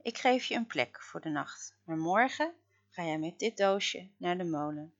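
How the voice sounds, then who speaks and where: A woman narrating a story in the first person, dramatic, swinging between loud outbursts and hushed murmurs. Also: fairly low pitch, lively intonation, measured pace, highs cut off.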